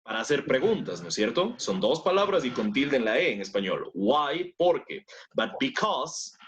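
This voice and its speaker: A man teaching an online English class, his voice rising and falling in a lively way. He explains words in with English examples and keeps asking whether the students follow. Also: mid-range voice, normal speed, lo-fi sound. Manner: explains in Spanish and English, checks in with "¿no es cierto?".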